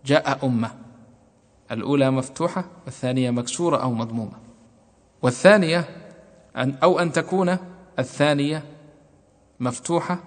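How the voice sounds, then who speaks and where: A man teaching a classroom lesson on Quran recitation rules, methodically repeating points and asking and answering his own questions. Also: fairly high pitch. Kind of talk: classroom lesson explaining verse. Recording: long hall reverb.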